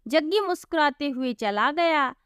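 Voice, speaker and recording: A woman narrates a moral storybook tale in a plain way, with repeated speaker tags. Her voice sits high and unhurried. The sound is dry and close. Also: expressive, a bit bright, no room sound.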